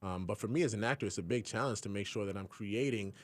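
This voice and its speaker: Laid-back young man, low voice, dry studio sound. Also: fast, no echo. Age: young adult. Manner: easygoing, laughs often, says "you know" a lot. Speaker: actor guest. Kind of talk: in-studio radio interview. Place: radio studio. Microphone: studio microphone.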